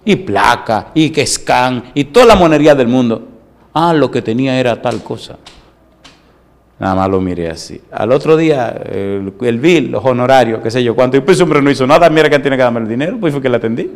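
A man's voice: mid-range voice, a little fast. A middle-aged man from Latin America, a pastor telling funny stories in a sermon and putting questions to his listeners. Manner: animated storytelling, asks the audience questions. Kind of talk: humorous sermon with anecdotes.

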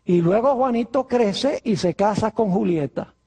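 A preacher giving a sermon, asking rhetorical questions and answering them, stretching key words slowly. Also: mid-range voice, animated, mellow, slightly rough.

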